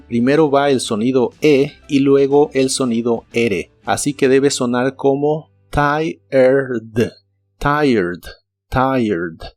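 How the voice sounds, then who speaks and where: A man narrating a scripted English lesson in Spanish, slowly modeling each English word's pronunciation. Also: medium pitch, a little mellow. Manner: slow, careful model pronunciation of English words. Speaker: English teacher.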